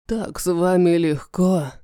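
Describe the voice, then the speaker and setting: A woman's voice: lowish voice, fairly even intonation, dark tone, clean tone, no room sound, studio quality, voice pushed down. Woman voicing a cruel ancient dragon man. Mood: menacing. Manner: slow, sneering, menacing. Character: cruel ancient male dragon lord, mocking.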